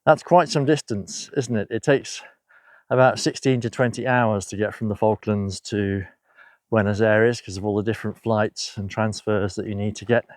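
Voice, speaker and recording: A man's voice: fairly low pitch, fairly even intonation, moderate pace, darkish tone, dry recording. A man talking casually to camera, chatty and digressive, with asides and rhetorical questions. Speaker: video host. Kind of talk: casual spoken commentary.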